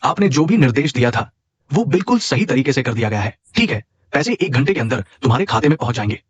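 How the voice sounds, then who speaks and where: चापलूस, षड्यंत्री doctor. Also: male voice, mid-range voice, very animated, quick pace, breathy edge, no room sound, muffled recording. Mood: ingratiating. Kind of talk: Hindi dub of a TV drama.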